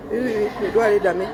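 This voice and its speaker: A woman with a Cameroonian French accent who films her coworkers on her phone in a workplace break area. She talks loudly and teases them with joking banter. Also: medium pitch. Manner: loud, teasing, joking banter. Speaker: vlogger filming coworkers. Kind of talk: casual workplace vlog chat. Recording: coworkers chatting in the background.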